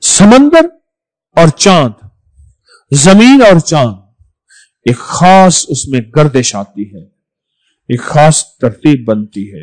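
Poor audio captures a medium-pitched preacher giving a religious sermon. He drives home points by repeating phrases, moving between loud stresses and soft drops.

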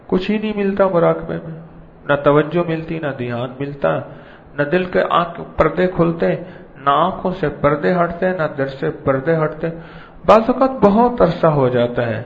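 A man's voice: on the high side, vocal fry. A man giving a devotional sermon as a Sufi preacher, in a lilting cadence built on repeated phrases. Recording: dull lo-fi recording.

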